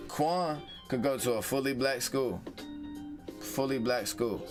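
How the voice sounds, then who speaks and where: A man's voice: mid-range voice, a little slow, over music. A man hosting a casual advice vlog, heated and profane, who repeats phrases for emphasis. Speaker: vlog host.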